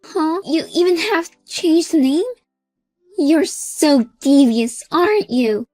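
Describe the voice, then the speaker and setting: Woman voicing a bossy entitled sister-in-law, high bright voice, smug and demanding, storybook drama, faint music behind. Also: lively intonation, measured pace, no echo, studio quality. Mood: indignant. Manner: smug, demanding, then pleading. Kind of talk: storybook character voice.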